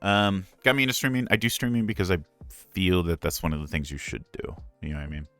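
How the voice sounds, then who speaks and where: A man's voice: sits low, steady tone, fast, fairly bright tone, no room sound, faint music behind. A man who streams and voices ASMR, talking candidly and earnestly in a casual live Q&A, rambling with frequent asides.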